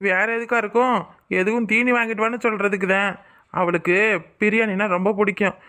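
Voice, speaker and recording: A cocky young husband from a cartoon, voiced by an actor, full of bragging and joking banter. His pitch sits in a middle range, and he teases his wife freely. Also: steady tone, fairly quick, pushed and bright, lightly acted. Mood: playful. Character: boastful young husband, playful and teasing. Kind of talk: cartoon voice acting.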